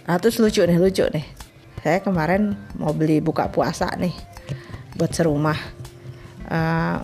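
Chatty woman with a lowish voice. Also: mellow. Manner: chatty, laughs often, mixes in English words. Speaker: freelance scriptwriter. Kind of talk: casual personal monologue.

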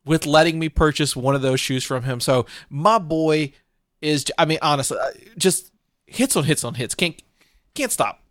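Man, podcast co-host, a bit high-pitched, playful mock outrage, dry close recording. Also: animated, moderate pace, fairly bright tone, no echo. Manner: playful, mock-indignant ranting. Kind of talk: casual chat.

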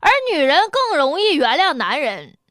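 A woman's voice: high-pitched, very animated, normal speed, fairly bright tone, no echo, clean studio sound. A woman with a Northeastern Chinese accent hosting a colloquial comic commentary show in a chatty, sardonic, folksy manner. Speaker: radio show host.

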